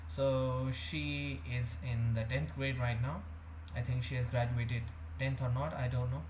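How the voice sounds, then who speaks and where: In a rambling confessional vlog, a young man from India talks haltingly to the camera, stumbling through fillers and false starts. His mid-range voice is steady and a little mellow, and he keeps a measured pace. Echo and a faint background hum fill the room.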